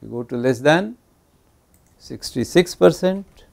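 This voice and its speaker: An older man with an Indian accent gives a conversational lecture, slipping Hindi phrases into his English. His voice is slightly high for a man, with a noticeable creak. He often asks himself a question and then answers it. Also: expressive, slow, a little mellow. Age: 60s. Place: small indoor studio. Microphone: lapel mic.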